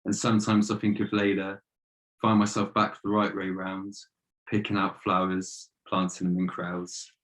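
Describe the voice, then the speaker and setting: A young man in his twenties, a guest poet reading his poems in a measured, steady way over a video call. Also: sits low, low-quality recording. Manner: measured, steady delivery with repeated refrains. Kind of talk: poetry reading.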